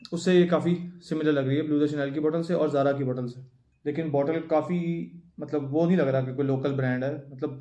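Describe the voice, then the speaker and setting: A man's voice: fairly high pitch, mellow, roomy sound. A man chatting casually as he unboxes and sniffs perfumes at home, thinking aloud as he handles each bottle, recorded on a phone with a plug-in mic. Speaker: perfume reviewer. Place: at home, indoors. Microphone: phone with plug-in USB-C mic.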